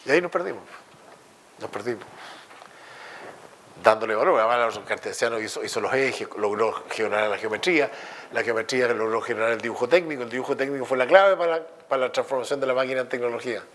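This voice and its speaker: Chilean guy lecturing, animated storyteller, mid-pitch voice. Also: quick pace, a little hiss or hum. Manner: lively storytelling with jokes and acted dialogue. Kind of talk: public lecture.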